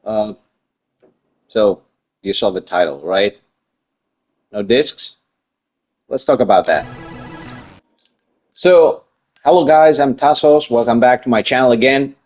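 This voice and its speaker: A man's voice: medium pitch, unhurried, pauses often. A man in his thirties hosting his own channel, chatting casually and rambling with restarts. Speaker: channel host. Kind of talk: casual vlog chat.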